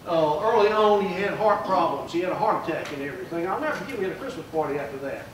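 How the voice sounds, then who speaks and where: A man's voice: high voice, lively intonation, quick pace, far from the mic, slight background noise. An older man, a judge giving a folksy memorial speech with many fillers. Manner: folksy, warm storytelling with fillers. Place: large room at a plaque dedication. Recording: echoey room, mic from afar.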